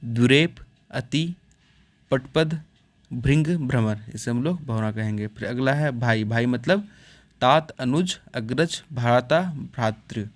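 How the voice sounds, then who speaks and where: A man's voice: medium pitch, no echo. Man teaching from a word list. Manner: steady listing, pausing after each word. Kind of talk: reading out a word list in a lesson.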